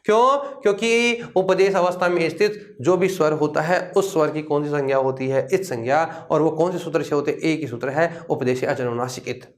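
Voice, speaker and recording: A man's voice: on the high side, brisk, hardly any pauses. A man teaching a grammar lesson who keeps asking questions and answering them himself, repeating key terms with emphasis. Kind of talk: classroom lecture.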